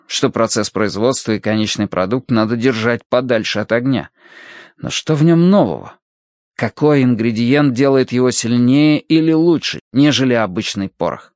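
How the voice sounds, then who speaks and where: A male audiobook narrator with a mid-range voice reads in a measured, steady way. He paces his sentences with deliberate pauses. The recording is dry and close, with no room sound. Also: mid-range voice, dry recording. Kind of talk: scripted narration.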